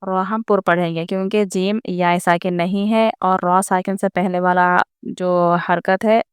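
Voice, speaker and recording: Very clear-voiced woman teaching recitation. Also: fairly low pitch, steady tone, measured pace, dry recording, clean studio sound. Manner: patient step-by-step explaining, repeating each point; addresses viewers directly. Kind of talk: online recitation lesson.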